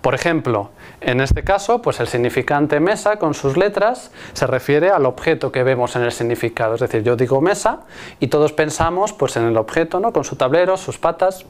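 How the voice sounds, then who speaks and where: A man delivering a recorded linguistics lecture, his voice fairly high and smooth. He explains patiently, restarting phrases and checking in with listeners as he goes. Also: lively intonation, moderate pace. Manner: explanatory, with frequent restarts and rhetorical "¿no?".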